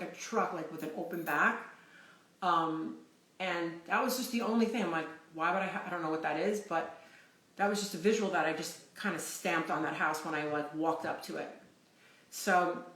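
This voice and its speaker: A middle-aged woman casually telling rambling personal stories on a livestream, swearing freely as she goes. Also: fairly low pitch. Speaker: livestream host. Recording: roomy echo.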